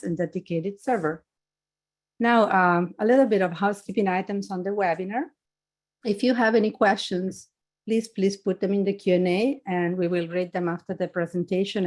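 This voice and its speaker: A woman's voice: medium pitch, a little mellow. Woman hosting a webinar over a video call, friendly, walks through the housekeeping. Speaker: webinar host.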